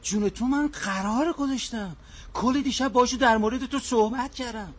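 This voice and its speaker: A man playing a pushy, teasing friend who sets up a marriage meeting in a comedy sketch. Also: very high voice. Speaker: matchmaking friend.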